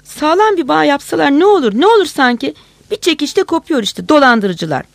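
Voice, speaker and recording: A woman voicing a frustrated male policeman who pleads and then shouts angrily. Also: high voice, big pitch swings, fairly quick, vocal fry, no room sound, full character voice. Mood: furious. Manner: wheedling, then shouting curses.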